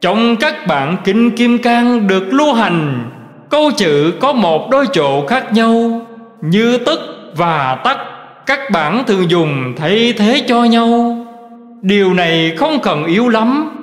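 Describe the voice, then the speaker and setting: A man giving a slow, measured recitation of Buddhist teachings in a scripted reading style. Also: high voice, big pitch swings. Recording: roomy recording with long reverb.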